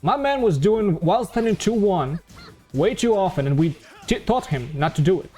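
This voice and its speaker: A man from Ukraine hosting and commentating a fighting-game tournament stream, relaxed and chatty. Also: high-pitched, moderate pace, soft background music. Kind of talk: casual esports commentary.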